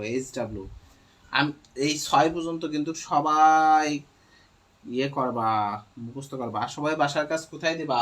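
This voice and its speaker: Slow-dictating male logic teacher. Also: fairly high pitch, a bit bright, rough recording. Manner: slow, repetitive step-by-step dictation. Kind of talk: online logic lesson.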